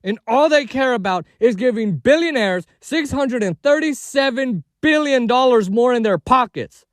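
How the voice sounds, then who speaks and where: A man's voice: very high-pitched, animated, moderate pace, dry recording, clean studio sound. A man delivering an escalating political rant, exasperated, sarcastic and swearing as a commentator. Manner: exasperated, sarcastic, profane, mimics opponents mockingly.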